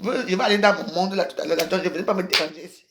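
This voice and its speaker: A woman, chatting on a casual phone livestream in an excitable, rambling way with sudden exclamations. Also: lowish voice, quick pace, background noise. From Cameroon. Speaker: live streamer. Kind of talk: casual Facebook live chat.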